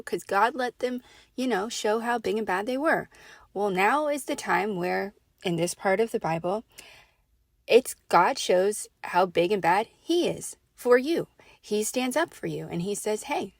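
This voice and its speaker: A woman's voice: medium pitch, lively intonation, a little slow, no room sound, studio quality. A woman giving a casual faith talk to her audience, emphatic and conversational, often checking in with "right?" and "okay?". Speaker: faith speaker. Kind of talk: casual preaching monologue.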